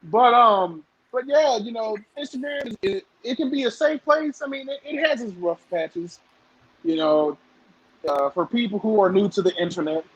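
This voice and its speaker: A man's voice: high voice, lively intonation, moderate pace, slightly rough, muffled recording. A man in his thirties from the southern United States, chatting loosely as a podcast guest with lots of fillers. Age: 30s. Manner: rambling, lots of fillers, laughs often. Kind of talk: casual podcast chat.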